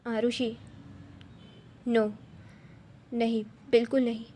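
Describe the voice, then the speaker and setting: A woman's voice: fairly high pitch, level tone, takes it slowly, warm tone. A woman voicing a flustered young woman in love, who stammers and repeats herself.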